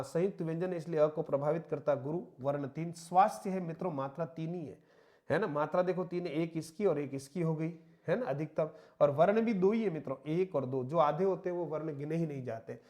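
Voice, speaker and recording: A man's voice: a little high, normal speed, darkish tone. A man teaching an online exam-prep lesson, patiently explaining step by step and counting syllables aloud. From India. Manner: addresses listeners as friends, explains step by step with slides. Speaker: Hindi teacher.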